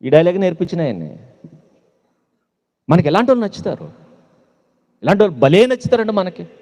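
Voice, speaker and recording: Brief: male preacher with a Telugu accent, animated swooping delivery, full of rhetorical questions and teasing asides, fairly high voice. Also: fairly quick. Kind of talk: sermon to youth. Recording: long hall reverb.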